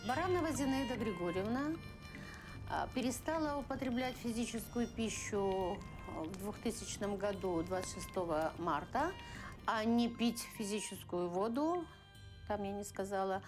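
A woman's voice: mid-range voice, expressive, normal speed. Older woman from Russia, recounting over music. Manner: plain recounting with hesitations. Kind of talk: interview.

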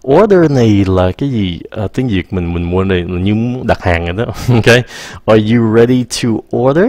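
A man, teaching English in a casual, patient lesson and repeating example phrases slowly. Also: lowish voice, lively intonation, a little mellow, no room sound.

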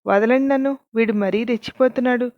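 A woman's voice: on the high side, a little fast, no room sound, dull audio, natural voice. A woman voicing a hot-tempered male contractor who hurls threats and insults in a told story. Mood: angry.

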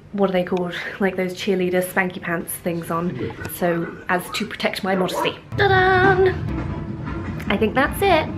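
A young woman vlogging in a chatty, bubbly way, a bit stuffy from a cold. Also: medium pitch. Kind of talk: casual vlog chat.

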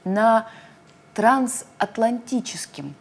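A woman's voice: a little high, expressive, drawn-out words, husky, full character voice. A woman voicing a small, boastful frog who claims to be a dog, in a storybook reading.

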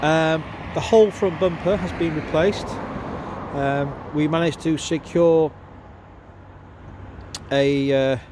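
A man's voice: on the high side, fairly even intonation, slow, long pauses. A man with a cold giving a casual, chatty walkaround sales presentation of a used car. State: congested with a cold. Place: outdoors at a car lot, walking around a car. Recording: outdoor handheld video with clear background noise.

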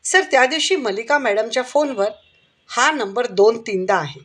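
A respectful male constable from an audio storybook, read by a woman. He reports facts politely to his boss. The voice sits somewhat high. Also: lively intonation, normal speed, a bit bright. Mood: dutiful. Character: dutiful male police constable.

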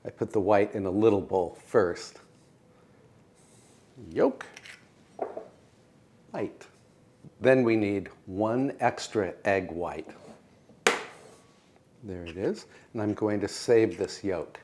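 An older American man hosting a home cooking show, explaining each step in a calm, precise, gently encouraging way in his kitchen. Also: fairly low pitch, slow pace, long pauses, slight background noise. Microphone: lapel mic.

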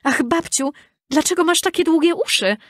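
A woman's voice: expressive, a little slow, no room sound, clean studio sound. A woman doing a frightened little girl. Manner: high, bright childlike voice. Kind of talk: storybook reading.

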